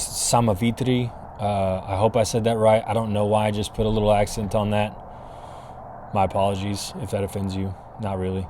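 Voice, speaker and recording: A man's voice: medium pitch, a little mellow, a little hiss or hum. A man hosting his own podcast outdoors in the cold, talking in an earnest, encouraging way with frequent restarts. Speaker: podcast host. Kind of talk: casual solo podcast talk. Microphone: camera and mic, filming himself.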